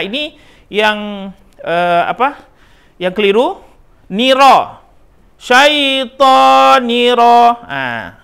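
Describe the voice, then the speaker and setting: Teaching Quran pronunciation, a middle-aged man with an Indonesian accent speaks in a high-pitched, pushed, bright voice. He draws out syllables as demonstrations, repeats right and wrong versions, and frequently checks with "nah" and "ya."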